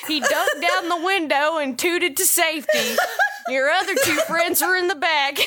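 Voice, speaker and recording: A woman's voice: very high voice, very noisy. A woman voicing a hillbilly mother writing a silly letter, in a put-on Southern drawl and giggling as she reads. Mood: giggly. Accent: put-on American Southern. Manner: giggling through the reading, drawling slowly. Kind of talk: comedic mad-libs reading.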